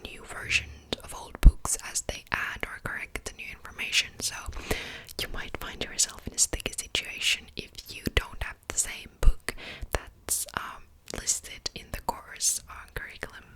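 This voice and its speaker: Woman's hushed library whisper, whispered role-play. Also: rough recording. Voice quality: soft, breathy library whisper, almost entirely unvoiced. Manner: unhurried, explanatory, gently attentive. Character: patient, helpful female librarian serving a borrower. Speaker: ASMR performer playing a librarian.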